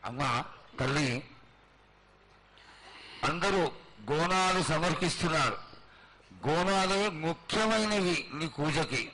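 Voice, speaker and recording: A man makes a formal, reverent ceremonial address. He supplicates in measured short phrases, as a priest would. The live recording has clear noise behind him. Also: a little high, animated. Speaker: priest questioning the oracle. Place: live temple festival ceremony. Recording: noisy live festival sound.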